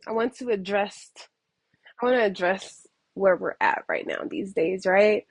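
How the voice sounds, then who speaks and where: Young SoCal woman, mid-pitched, rambling casual vlog delivery with excited pitch spikes; close, dry recording. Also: measured pace, no echo. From Southern California. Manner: meandering, heavy use of "like", sudden excited jumps in pitch. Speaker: vlogger. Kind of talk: casual reflective monologue. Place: a friend's home, indoors.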